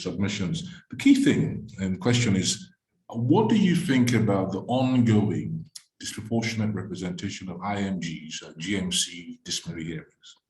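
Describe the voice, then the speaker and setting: A man moderating an online panel, speaking in a measured, formal and wordy way. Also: deep voice, a little mellow. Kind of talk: webinar moderation. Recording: echoey room.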